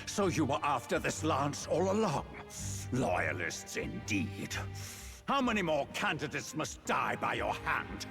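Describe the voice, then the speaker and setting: Casting: arrogant game villain cleric, slow theatrical menace, creaky, widely swooping delivery. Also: male voice, medium pitch, wildly swooping pitch, heavily acted. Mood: cold menace. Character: arrogant villainous male church leader craving the throne. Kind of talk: video game drama acting. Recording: background music.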